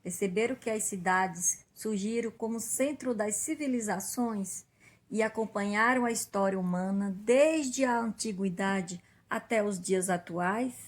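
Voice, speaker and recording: A woman's voice: medium pitch, measured pace. A Brazilian woman teacher speaking directly to her pupils in a recorded lesson. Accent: Brazilian Portuguese. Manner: warm, addressing children directly.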